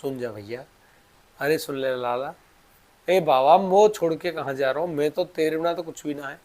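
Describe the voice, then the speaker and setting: A man voicing the gentle boy god Krishna, coaxing softly. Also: fairly high pitch, normal speed, lightly acted. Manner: soft, coaxing rustic speech.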